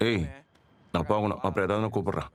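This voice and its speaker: A man's voice: sits low, quick pace, natural voice. A man playing a joking, laid-back agent in a dubbed action comedy. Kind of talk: dubbed movie dialogue.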